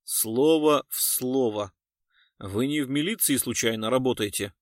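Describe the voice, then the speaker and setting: A composed, ironic police colonel who questions suspects with cold calm, read by a male narrator. The voice sits in a steady middle range. The sound is dry and close. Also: mid-range voice, measured pace, no echo, natural voice. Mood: cool.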